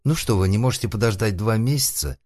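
A prim, proud young beauty , as a male narrator puts her on, raised high above his deep natural voice. She sighs and pleads in breathy little gasps, yet stays stubborn. The read is close and dry, with no room around it. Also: fast, a little mellow, dry recording, close to an everyday voice.

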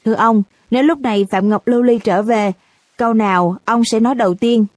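A woman's voice: fairly high pitch, a little fast, darkish tone, no room sound, lightly acted. A woman reading the part of a reporter who asks formal, polite questions in a storybook reading. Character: persistent press reporter.

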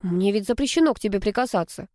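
A woman voicing a calm, deadpan young male skating instructor with a mildly mocking manner. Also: mid-range voice, fast, dry recording, clean studio sound, close to an everyday voice. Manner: cool, unflappable, mildly mocking.

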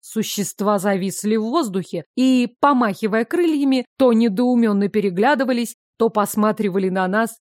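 A woman reading a first-person fantasy audiobook in an expressive, measured storytelling manner. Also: on the high side, no room sound, clean studio sound. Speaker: audiobook narrator.

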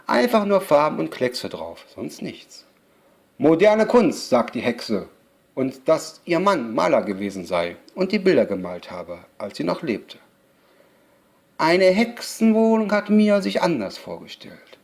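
Man reading a storybook aloud: slow, gravelly, stumbles and self-corrects. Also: fairly high pitch, very animated. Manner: unpolished, restarts and laughs at his own slips. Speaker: podcast host reading a children's story.

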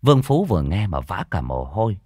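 A man with a low voice narrates a ghost story, measured but expressive. His pitch moves a great deal between lines. The recording is dry and close to the mic. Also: no echo.

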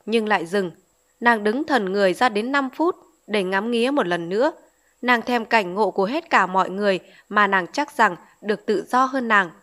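A woman reading a novel aloud as an audiobook narrator, in steady storytelling. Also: mid-range voice.

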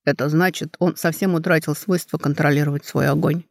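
A woman voicing a stern young man who speaks slowly in a flat, measured, quiet voice in an audiobook. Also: low voice, creaky, no room sound, clean studio sound. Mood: calm. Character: calm stern young man, protective brother.

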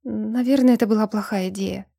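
A woman voicing a young, emotional woman who turns shrill and indignant. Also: steady tone, a little fast, vocal fry, warm tone, dry recording, studio quality. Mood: pleading. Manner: pleading, then shrill and indignant.

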